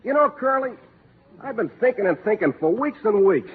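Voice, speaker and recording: A mournful, slow-witted drinking buddy in old radio comedy. His voice is high and swings widely in pitch. The recording is thin and very noisy. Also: animated, narrow, tinny audio. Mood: mournful, boozy. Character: sad-sack, hard-drinking bum, loyal sidekick. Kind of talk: 1940s radio comedy acting.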